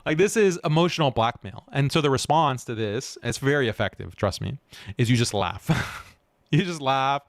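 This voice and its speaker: A man's voice: medium pitch, expressive, normal speed, no echo. A man giving live-stream commentary, mocking and scornful, laughing often as he reacts. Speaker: online commentator.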